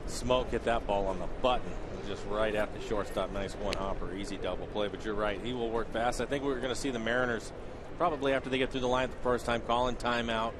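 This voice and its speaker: A man giving baseball color commentary in a relaxed, analytical way. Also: mid-range voice, fairly quick, background noise.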